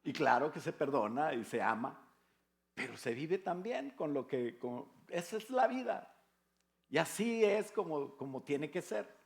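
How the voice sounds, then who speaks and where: Preaching in a church, this older man with a Mexican Spanish accent keeps his sermon conversational, full of jokes and rhetorical questions. He speaks at a measured pace in a fairly high, gravelly, very animated voice.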